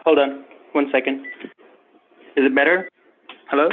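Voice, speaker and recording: A man dials into a public meeting over a thin, phone-like connection that keeps breaking up and dropping his words. He speaks at a middle pitch and sounds unsure, pausing and checking whether he can be heard. The audio is narrow and lo-fi throughout. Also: fairly even intonation, a little hiss or hum. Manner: hesitant, many fillers, clears throat. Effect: call audio breaking up and cutting out. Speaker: public commenter at a town council meeting. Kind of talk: halting remarks over a remote call. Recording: tinny phone line with dropouts.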